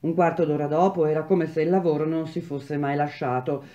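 Woman reading a novel out loud, dark mellow voice, a bit lo-fi. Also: sits low, fairly even intonation, brisk. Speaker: reader of a novel.

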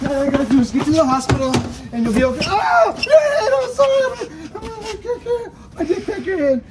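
A man's voice: very high voice, steady tone, very fast, heavy background noise. A man in his thirties playing a casual, colloquial young father in an amateur family fantasy skit. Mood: wailing panic. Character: young dad humoring then panicking over his daughter.

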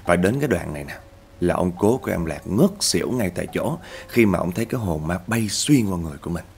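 Guy narrating creepy tales, real low voice, chats right at you. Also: expressive, fast talker, gravelly, a little mellow, slight background noise. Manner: chatty, addresses listeners as "các bạn", rises in pitch at tense moments. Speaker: storyteller host. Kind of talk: spoken ghost story narration.

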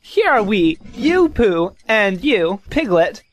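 A woman playing a bossy, self-important, scheming rabbit in a children's audio drama, lecturing briskly and impatiently. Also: medium pitch, sing-song. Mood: indignant.

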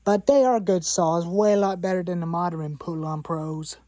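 In a cluttered garage, a young woman in her twenties, a hobbyist chainsaw vlogger, rambles on about saw parts, listing them and going over the same points again. Her mellow voice sits on the low side with fairly even intonation at a moderate pace, and there's no echo.

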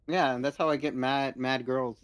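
A man with a mid-pitched, ordinary voice jokes around in a gaming voice chat, full of mock-boastful gags. He speaks casually and loosely. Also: steady tone, moderate pace, clear, resonant tone, no room sound, clean studio sound. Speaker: guest streamer in a voice chat.

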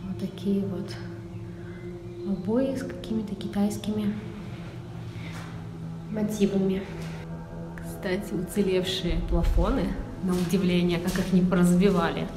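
A woman giving casual walking commentary as she explores an abandoned building, often dropping her voice to a hush. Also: mid-range voice, level tone, unhurried, long pauses. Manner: chatty, half-hushed, often drops to a whisper. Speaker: urban explorer vlogger. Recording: echoey empty rooms with music. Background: background music.

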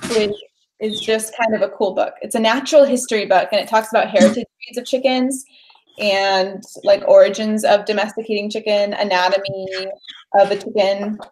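A woman's voice: mid-range voice, steady tone, normal speed, darkish tone, a little hiss or hum, low-quality recording. A woman in her twenties chatting casually on a home livestream over a webcam, bubbly and full of fillers. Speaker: livestream host. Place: living room at home, indoors. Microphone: webcam at desk distance.

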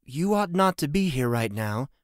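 A man's voice: fairly high pitch, sing-song, normal speed, dry recording, studio quality, pitched above the performer's own voice. A man voicing a stern female innkeeper who scolds firmly. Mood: scolding. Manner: scolding, firm. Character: stern innkeeper woman, brisk and commanding.

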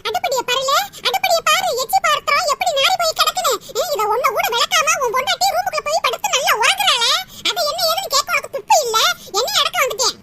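A woman's voice: very high-pitched, lively intonation, fast talker, hardly any pauses, recorded from a distance, full character voice. A woman voicing a nagging, scolding middle-aged mother-in-law in a cartoon. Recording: loud background noise.

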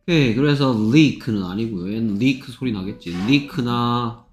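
A man's voice: medium pitch, moderate pace, echoey room. A man tutoring English phonics one-on-one, drilling sounds over and over with an impatient, repetitive manner.

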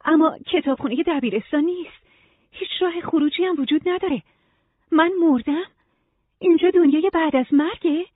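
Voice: sits high, dry recording, voice pushed up, natural voice. A reader voicing a young woman, unhappy and confused, asking anxious pleading questions in an audiobook. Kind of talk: audiobook reading. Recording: tinny phone-like sound.

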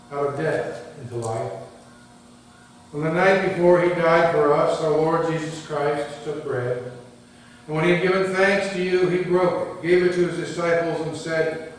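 Man, priest, measured liturgical recitation, cathedral echo, faint ambient noise. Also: fairly high pitch. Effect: cathedral echo, heard from far off. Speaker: priest leading a Eucharist. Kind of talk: liturgical prayer. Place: large church. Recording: echoey large church, distant mic.

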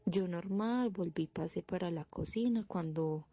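Woman, low gravelly voice, dark tone, dry close sound, casual story. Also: unhurried, dry recording, highs cut off. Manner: plain storytelling, fills with "pues". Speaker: guest telling a paranormal story.

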